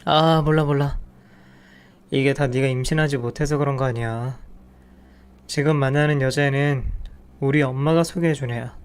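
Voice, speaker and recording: A man's voice: medium pitch, fairly even intonation, moderate pace, pauses often, smooth, close to an everyday voice. A man voicing a harsh, dismissive husband who scorns his wife in a narrated audio drama. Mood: contemptuous. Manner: contemptuous, curt.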